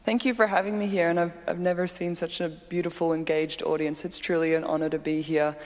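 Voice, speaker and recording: A woman, a panel guest telling her story in an eager, animated way. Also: fairly low pitch, a little fast. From Malawi, then Australia. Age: 20s. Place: large hall with a live audience. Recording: reverberant hall.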